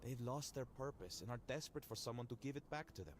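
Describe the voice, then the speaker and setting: An actor plays an enigmatic fantasy game outsider, a sardonic man full of curiosity. His delivery is wry and theatrical, musing with wide, animated swings of pitch. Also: fast, a little hiss or hum, lightly acted. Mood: amused, disdainful. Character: sardonic, curious, enigmatic male outsider touched by weird magic. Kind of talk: video game character dialogue.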